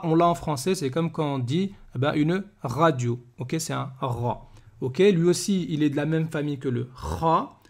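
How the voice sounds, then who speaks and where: A man's voice: a little high, a bit bright. Patient man drilling letter sounds. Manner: patient, repeats letter sounds slowly, asks "d'accord?" often. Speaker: Arabic teacher. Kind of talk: step-by-step pronunciation lesson.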